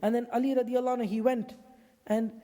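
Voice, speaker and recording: A man retells a story in a sermon with animated delivery, often repeating and restarting his phrases. His voice is very high, and a long reverb trails after it as in a large hall. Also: quick pace. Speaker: preacher.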